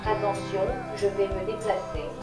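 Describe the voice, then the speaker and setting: A synthetic female voice for a friendly home-assistance robot, speaking calmly and politely. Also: mid-range voice, moderate pace, loud music behind the voice. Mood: cautioning.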